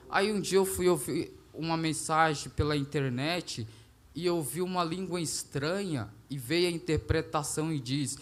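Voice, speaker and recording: A man with a Brazilian Portuguese accent speaks in a fairly high voice as he gives a heartfelt testimony in church. He talks earnestly and re-enacts his own pleading prayers with fervour. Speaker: church member giving testimony.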